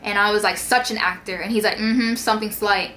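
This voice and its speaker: Bright-voiced young woman telling a story. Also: medium pitch, steady tone, brisk, slight background noise. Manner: heavy use of "like", reads out text messages. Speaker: YouTuber. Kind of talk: casual storytime vlog.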